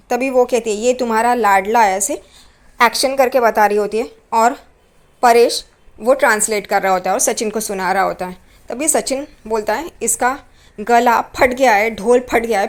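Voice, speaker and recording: A woman retells a TV serial episode as a running story. Her voice sits a little high, and she lifts her energy when voicing the characters' lines. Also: normal speed.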